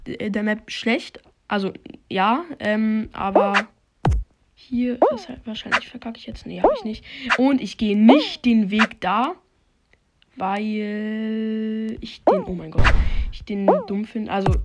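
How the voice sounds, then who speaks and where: Playing a video game on her podcast, a woman chats in slang, curses freely, and addresses both herself and her audience in a casual way. It's captured on a poor phone mic, and the result is very noisy.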